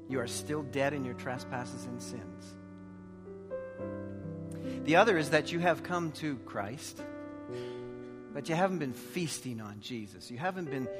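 A man preaching a church sermon and praying in an emphatic, exhortative way, with short repeated phrases and rhetorical questions. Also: mid-range voice. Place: large church hall. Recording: large reverberant hall, music behind.

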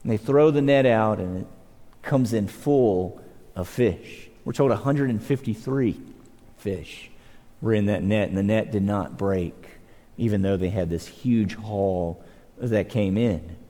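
A man's voice: measured pace, dark tone. Earnest male preacher in a reverberant hall. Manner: earnest, repeats words, rises and drops in pitch for emphasis. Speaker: pastor. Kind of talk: sermon. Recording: long reverb of a church hall.

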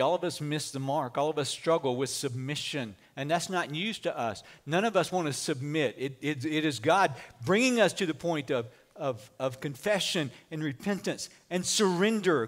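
A man preaching a sermon, telling folksy stories from the pulpit. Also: a little high. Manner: folksy storytelling preacher, lively delivery. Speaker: pastor.

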